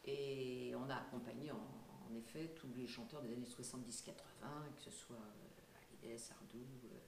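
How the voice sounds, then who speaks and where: A woman's voice: rumbling low, moderate pace, creaky, echoey room, background noise. An older woman being interviewed, talking casually and hesitantly with many fillers and light laughs. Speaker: singer and voice actress, guest.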